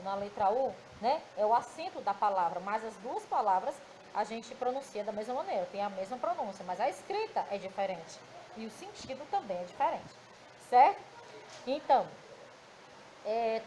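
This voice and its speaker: Patient Brazilian schoolteacher, high voice, faint room noise behind her. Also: darkish tone, rough recording. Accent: Brazilian Portuguese. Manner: patient, explaining, frequent checking "certo?". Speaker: teacher. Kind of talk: recorded grammar lesson for children. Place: classroom.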